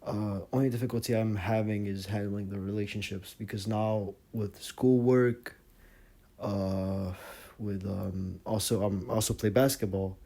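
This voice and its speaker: A young man, a bit hoarse, talking casually as an interview guest, rambling with many fillers. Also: fairly low pitch, a little slow. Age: young adult. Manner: rambling, filler-heavy, relaxed. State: slightly hoarse.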